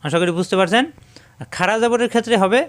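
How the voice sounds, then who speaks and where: High-voiced guy teaching quran reading, slow and patient, says every rule again and again. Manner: patient and repetitive, drilling rules and letter sounds. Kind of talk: step-by-step tajweed lesson.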